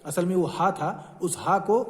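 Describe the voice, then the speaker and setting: Man teaching a grammar lesson, with reverb. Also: high voice. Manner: explains slowly, repeats examples, points to the text. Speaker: Urdu teacher.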